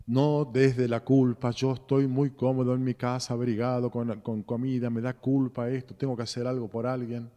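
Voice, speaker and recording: A man with a low, mellow voice and a Rioplatense Argentine accent preaches a slow, reflective homily, going back over his phrases with pauses between them. His voice rings through a long cathedral reverb. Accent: Rioplatense Spanish. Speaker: parish priest. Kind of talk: sermon.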